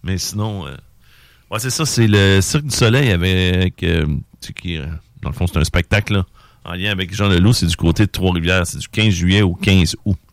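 A man's voice: deep voice, fairly quick, creaky, no echo, studio quality. A middle-aged man with a Québécois accent hosting a casual chat, rambling and hesitant with lots of fillers. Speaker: podcast host.

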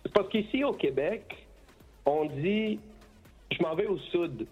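A man's voice: high-pitched, lively intonation, slow pace, slightly rough, lo-fi sound, faint music behind. A man who grew up in Costa Rica, a band member giving a casual radio interview, hesitant, with many restarts, moving between French and Spanish.

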